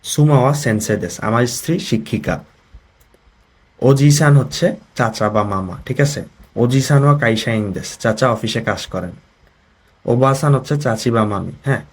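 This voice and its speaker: A man's voice: medium pitch, lively intonation, moderate pace, slightly rough. A man with a Bangladeshi accent teaching a Japanese vocabulary lesson. He explains each word, reads an example sentence and translates it, often checking that the learners follow.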